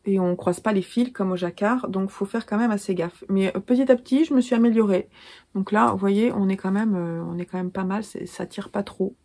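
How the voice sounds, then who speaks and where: In a small room at home, a thirties woman with a cold chats casually to camera about her knitting, poking fun at herself and hesitating a lot. Her mid-range voice is brisk and dark-toned. She's a knitting vlogger who also dyes yarn.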